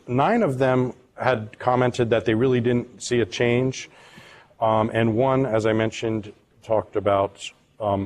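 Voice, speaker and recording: A man, an acupuncturist, giving a lecture on study results, pausing often with ums and restarts. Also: fairly low pitch, a little mellow. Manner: halting, with many ums and restarts; reads patient quotes aloud, moved at times. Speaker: acupuncturist presenting research. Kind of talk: academic lecture presentation.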